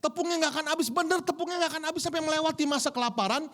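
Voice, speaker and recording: Very high-voiced male preacher. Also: very fast. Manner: lively conversational preaching with humor and rhetorical questions; repeatedly addresses the congregation directly. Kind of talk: sermon.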